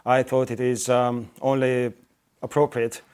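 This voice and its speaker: A man's voice: mid-range voice, level tone, unhurried, darkish tone, clear, resonant tone. A man from Romania, a native Romanian speaker, answering interview questions in English with many hesitations and fillers. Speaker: guest.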